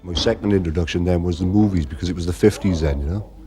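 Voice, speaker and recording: Faint music plays behind a middle-aged band frontman from Ireland as he chats casually in an interview, rambling and saying "you know" constantly. He has a low, warm voice and talks fast.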